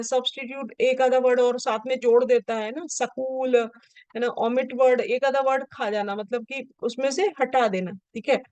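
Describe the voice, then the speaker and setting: A woman's voice: high-pitched, darkish tone, no room sound, highs cut off. A woman special education teacher patiently explaining an assessment form to students, checking in often with short questions and mixing her speech.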